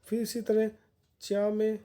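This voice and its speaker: A woman's voice: medium pitch, completely flat delivery, takes it slowly, dark tone. A woman teacher giving a grammar lesson for exam candidates, explaining patiently and repeating points in plain words.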